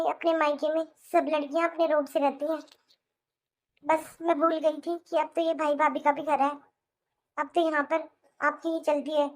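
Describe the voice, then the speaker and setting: A woman's voice: high voice, darkish tone, natural voice. A woman voicing a sulky young married sister in a cartoon, complaining in an aggrieved way with a Hindi accent. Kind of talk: cartoon voice acting.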